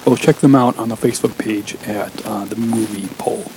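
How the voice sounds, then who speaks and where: A man's voice: on the low side, normal speed, darkish tone, slight background noise, low-quality recording. A man hosting a podcast interview, speaking hesitantly with many fillers and restarts. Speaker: podcast host.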